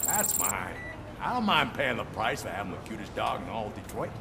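An actor playing an oblivious, self-satisfied dog owner earnestly complaining in a video game. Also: male voice, lowish voice, very animated, normal speed, vocal fry, background noise. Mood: earnest, aggrieved.

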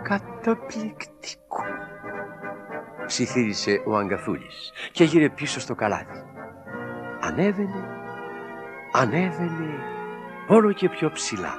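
A man reading a children's storybook aloud, with expressive, dramatic storytelling. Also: mid-range voice. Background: background music.

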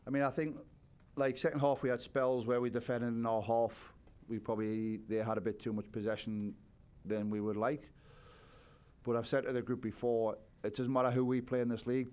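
A man's voice: mid-range voice, flat delivery, normal speed, darkish tone, clean tone. A man in his forties, a head coach, giving thoughtful postgame answers at a press conference, seated at a table with a microphone. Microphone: table microphone on a stand.

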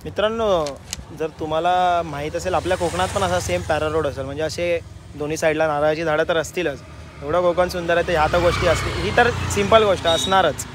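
A man's voice: a little high, fairly even intonation, brisk, background noise. A young man in his twenties chatting casually to viewers in a travel vlog, filmed on a phone held at arm's length outdoors. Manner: chatty, addresses viewers as brothers. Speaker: vlogger. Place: outdoors on a roadside and at a cafe.

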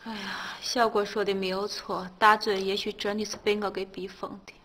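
A woman's voice: medium pitch, level tone, moderate pace, a bit bright, slight background noise, lightly acted. An actress playing a fretful, melodramatic widowed innkeeper in a sitcom. She sounds self-pitying and dramatic by turns, then sweetly coaxing. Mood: worried. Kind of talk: sitcom acting.

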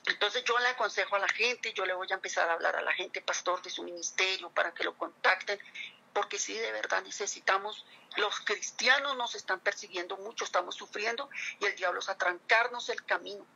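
A woman's voice: medium pitch, a little fast, creaky, pushed and bright, husky, rough recording. A middle-aged woman giving an earnest, emotional religious testimony to a pastor, addressing him again and again as she speaks.

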